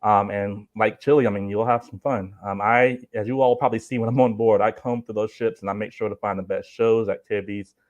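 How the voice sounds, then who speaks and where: A man's voice: lowish voice, steady tone, a little fast, few pauses, dull audio. A man talking casually as a travel guest, explaining his tips in an informal way. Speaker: guest, solo cruise traveler. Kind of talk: casual chat.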